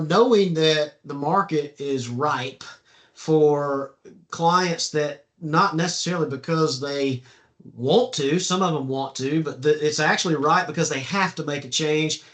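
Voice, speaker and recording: A man's voice: on the high side, unhurried, a bit bright. A man hosting a casual business interview, friendly and upbeat, often repeating words as he talks. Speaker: interview host.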